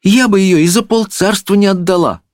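A man puts on a naive, kind-hearted princess from a storybook, her voice pushed very high and light. She speaks sweetly and simply, without guile. The recording is dry and close. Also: moderate pace, no echo, natural voice. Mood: artless.

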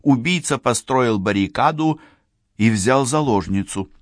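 A man reading a crime thriller as an audiobook narrator, measured and expressive. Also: mid-range voice, no echo, studio quality. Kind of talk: scripted narration.

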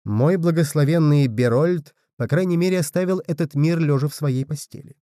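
A grieving old widow and mother, lamenting and scolding, as a male narrator puts her on. Her voice sits above his own in pitch and keeps a very dark, mellow tone, recorded dry and close. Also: normal speed, no echo, lightly acted.

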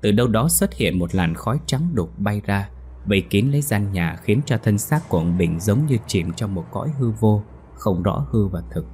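A man's voice: on the low side, animated, normal speed, a little mellow, slight background noise. A man narrating a ghost story in a dramatic reading voice. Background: faint music.

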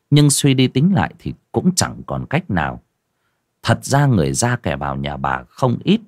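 A man's voice: low voice, no room sound, clean studio sound. A man narrating an audio horror story in a dramatic, lurid storytelling manner.

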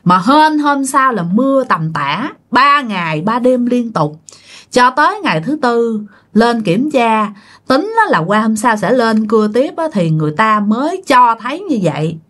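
A woman narrating a ghost story in an animated way. She speaks to her listeners directly and often breaks into exclamations. Her voice sits fairly high and moves a lot. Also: measured pace.

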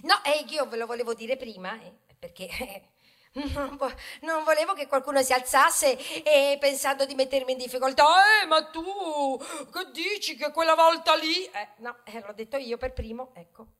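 A stage actor with a female, fairly bright voice at a moderate pace performs a satirical theatrical monologue as a male grain of wheat, proud, self-justifying, and aggrieved, in a high pitch. The mood is sheepish and defensive, the delivery plaintive, with chatty asides to the audience and sudden declamatory swells. The rhetorical piece breaks into bursts of song.

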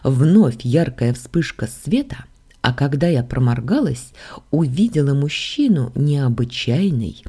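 A woman narrating a fantasy audiobook in the first person, with a wry, expressive telling. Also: a bass voice, measured pace, breathy edge.

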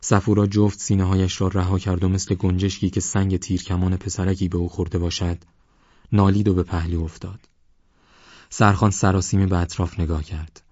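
A man narrating a novel as an audiobook reader, steady and measured. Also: low-pitched, no room sound. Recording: dull lo-fi audio.

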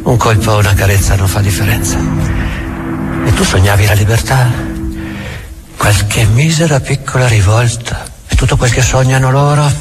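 A man's voice: medium pitch, close to an everyday voice. Man playing the Grand Inquisitor, bitter, over music. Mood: accusing. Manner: deliberate, accusing, rhetorical questioning with weighted pauses. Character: bitter, accusing old Grand Inquisitor, cynical and imperious. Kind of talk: dramatic theatrical monologue.

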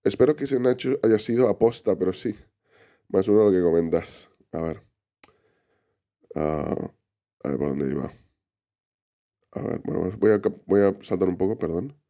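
A man hosting a laid-back live stream, still ill and recovering, speaks at normal speed in a deep voice with a dark tone and long pauses. He rambles, reads chat aloud, greets viewers by name and restarts often.

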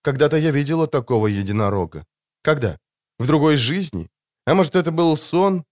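A fierce teenage outlaw girl hisses cold, contemptuous threats, lifted high in pitch and moving through a lively range, as a male narrator puts her on. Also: a little fast, natural voice. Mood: wondering. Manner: hissing, contemptuous.

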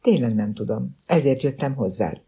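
An anxious, evasive middle-aged mother, as a male audiobook narrator reads her, hesitant and guarded in every question. The voice stays dark and husky, close to the reader's own. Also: mid-range voice, animated.

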